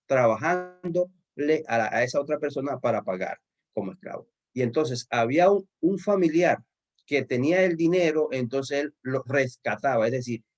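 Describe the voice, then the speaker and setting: A male pastor leads a Bible study with an earnest, storytelling delivery, often calling his listeners brothers. His voice sits at an ordinary middle pitch. The recording sounds dull and slightly lo-fi. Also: a little mellow.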